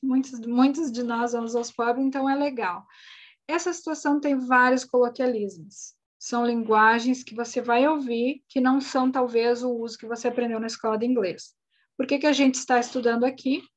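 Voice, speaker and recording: A woman's voice: on the high side, steady tone, normal speed. A woman, recapping an online English lesson and spelling words out patiently. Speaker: English teacher.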